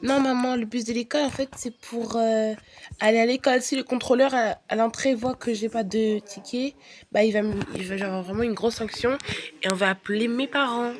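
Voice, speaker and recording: A woman's voice: on the high side, fairly even intonation, fairly quick, natural voice. A woman voicing a school-age older sister who talks back in a sassy, whiny way. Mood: answering.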